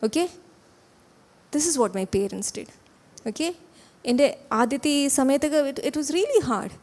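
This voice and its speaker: A woman's voice: sits high, big pitch swings, very fast, darkish tone. A young woman from Kerala with a Malayali English accent gives an earnest church testimony, moving between English and Malayalam and often checking in with her listeners. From Kerala, India. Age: young adult.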